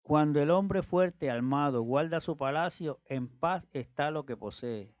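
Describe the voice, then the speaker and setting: Man reading scripture in a steady voice. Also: a little high, unhurried, dry recording, highs cut off. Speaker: scripture reader. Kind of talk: reading Bible passages aloud.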